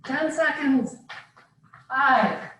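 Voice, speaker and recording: A woman's voice: high-pitched, extremely slow, fairly bright tone. A woman fitness instructor leading a live group workout class, giving short, encouraging cues and countdowns. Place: indoors, live video call class. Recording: echoey room, far from mic, faint noise.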